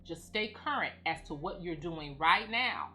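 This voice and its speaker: A woman giving calm, measured instructions as she guides listeners through a grounding exercise. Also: lowish voice. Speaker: presenter of anxiety grounding techniques. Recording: music playing behind the voice. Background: background music.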